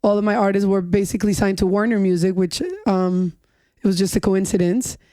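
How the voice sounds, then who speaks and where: A woman's voice: mid-range voice, level tone, brisk, mellow, no room sound. A middle-aged woman from New York, chatting casually as a podcast guest and joking about her age. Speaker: music executive guest.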